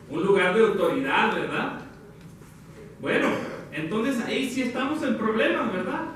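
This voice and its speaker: A high-voiced man preaches a sermon in a church hall, addressing the congregation as brothers and sisters and correcting himself as he goes. His voice is picked up from a distance and rings heavily around the room, with faint ambient noise behind him. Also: a bit bright. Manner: addresses listeners as brothers, halting with self-corrections. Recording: very echoey hall, from far off.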